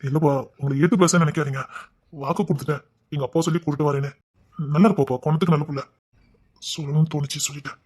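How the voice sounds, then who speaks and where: A man's voice: fairly high pitch, fairly even intonation, fast talker, pauses often, darkish tone, husky. A young man acting a proud village son who earnestly pleads with his parents, in a family drama.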